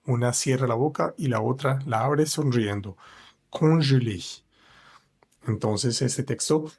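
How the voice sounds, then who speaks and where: A man teaching French pronunciation in Spanish, slowly spelling out words syllable by syllable. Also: medium pitch, a little mellow, slightly rough. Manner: slow, careful, breaks words into syllables. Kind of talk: pronunciation lesson.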